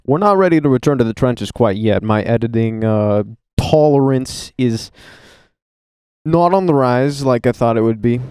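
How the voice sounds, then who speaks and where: Profane rambling man, dark smooth voice. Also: mid-range voice, animated, normal speed, no echo, clean studio sound. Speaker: commentary YouTuber. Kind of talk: casual reaction voice-over. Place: voice-over recorded at a computer.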